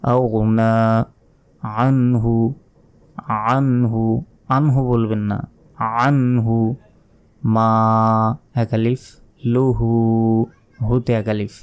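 A man teaching Quran pronunciation, explaining points patiently and then chanting the verses in long, drawn-out tones. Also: lowish voice, flat delivery, clear, resonant tone. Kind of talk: tajweed lesson with chanted recitation.

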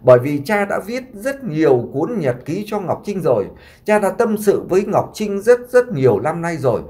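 A man's voice: sits high, sing-song, normal speed, mellow, pitched above the performer's own voice. A man voicing a grieving doctor father who imploringly consoles his sick son and takes the blame on himself.

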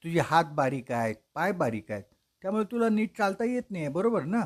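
A man voicing a proud, angry king who shouts scornful commands at his bearers. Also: on the high side, animated, brisk. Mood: mocking.

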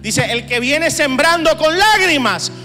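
A man pastor preaches to leaders, trading joking asides for shouted exhortations. His voice sits very high and sounds bright and forceful. The hall rings with long reverb over faint music. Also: animated, unhurried. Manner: humorous, swings from chatty asides to shouted exhortation. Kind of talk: sermon to church leaders.

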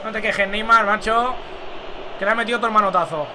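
A young man from giving excitable live commentary while playing a football video game, chatting with viewers. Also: sits high, a little fast, noisy background. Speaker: gaming streamer.

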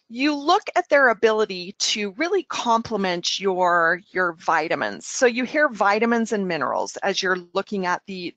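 A woman giving an enthusiastic product presentation, talking with a smile and sometimes getting tongue-tied from excitement. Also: mid-range voice, no room sound. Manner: smiling as she talks.

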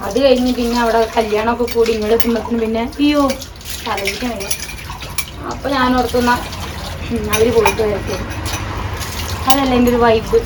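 A young woman talks quickly and loosely to her viewers while cooking at home, with a slightly high, rambling, chatty voice. The phone recording carries clear background noise from the household around her. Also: steady tone. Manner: chatty, rambling, laughs often. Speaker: vlogger. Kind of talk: casual vlog chat. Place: home kitchen. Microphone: phone camera.

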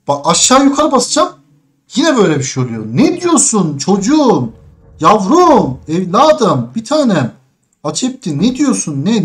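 A young man playing a game and commenting as he goes, cursing and laughing at the controls, muttering quietly while sneaking. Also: high-pitched. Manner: exasperated, swearing at the game's controls, laughing. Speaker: gaming streamer. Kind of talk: let's play commentary.

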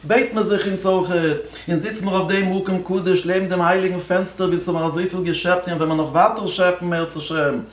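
A man, a rabbi, telling a religious story in a speech at a celebration, moving between loud stressed words and hushed low passages. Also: steady tone, a little fast, hardly any pauses, reverberant.

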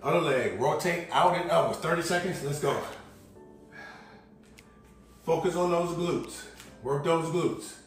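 A man's voice: fairly high pitch, a little slow, long pauses, faint music behind. A middle-aged man coaching a workout like an aerobics instructor, giving short, motivating, repeated cues and countdowns. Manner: motivating, repetitive commands while exercising. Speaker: fitness instructor. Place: indoors, hard-floored living room at home. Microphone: camera several meters away. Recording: very echoey room, distant mic, faint noise.

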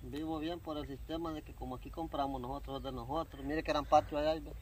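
Higher-voiced Central American man, noisy outdoors. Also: fairly even intonation, fast. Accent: Central American Spanish. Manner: colloquial, repeats his phrases for emphasis. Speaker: interviewee, rural cassava seller. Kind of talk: casual chat. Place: outdoors in a dirt yard by a fence. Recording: noisy outdoor rural ambience.

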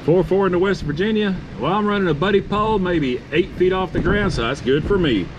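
Male ham operator outdoors, clear background noise. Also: high-pitched, a little fast, muffled recording. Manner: courteous, repeats himself. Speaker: amateur radio operator. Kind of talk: radio contest-style calling, phonetic spelling. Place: outdoors at a campsite table. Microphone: camera on the table beside the radio.

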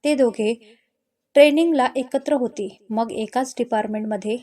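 A woman storyteller reading a scripted love story in a gentle, descriptive way. Her voice sits fairly high yet sounds soft and mellow. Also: moderate pace.

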